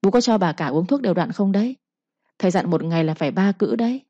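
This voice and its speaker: A woman's voice: medium pitch, lively intonation, fast talker, dark tone, dry recording, lo-fi sound, natural voice. A woman voicing a scheming younger second wife who speaks with a falsely sweet, coaxing tone, in a storybook reading.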